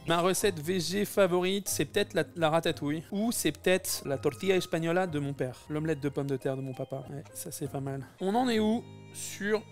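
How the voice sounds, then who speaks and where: A man's voice: fairly high pitch, brisk, few pauses, faint music behind. A man in his thirties chatting casually while he cooks live, joking and thanking his viewers. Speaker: cooking streamer. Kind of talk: live-stream cooking chat.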